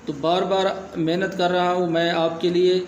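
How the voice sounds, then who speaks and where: A man gives a patient, spelled-out reading lesson, sounding out each word syllable by syllable. His voice sits a little high and stays level and even, with little rise or fall. The room is echoey, with a faint hum of background noise. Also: dull audio. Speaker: Quran reading teacher.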